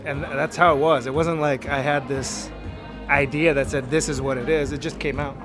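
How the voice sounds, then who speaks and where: A man from Los Angeles speaks in an earnest, motivational tone as he reflects on his art in an interview. His voice sits a touch higher than most men's. Clear music plays behind him. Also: fairly even intonation, moderate pace. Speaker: artist interviewed.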